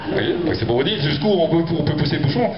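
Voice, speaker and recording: A man's voice: fairly high pitch, very animated, quick pace, a crowd in the background. A man speaking as a developer at a public meeting, explaining himself with many stammered repetitions. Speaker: property developer presenting a project. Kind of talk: spontaneous argument at a public meeting. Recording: echoey, muffled hall with audience noise.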